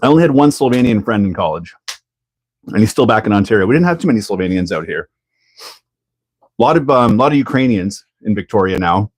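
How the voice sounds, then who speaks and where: A man's voice: on the low side, lively intonation, fast, long pauses, breathy edge. A Canadian man hosting a live stream, chatting casually while he builds and answering viewers, with frequent laughs. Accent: Canadian English.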